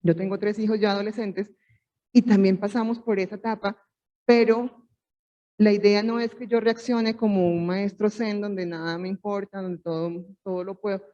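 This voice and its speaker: A woman's voice: mid-range voice, fairly even intonation, normal speed, dark tone, recorded from a distance, highs cut off. A woman in her forties, a parenting panelist, explaining earnestly and asking rhetorical questions.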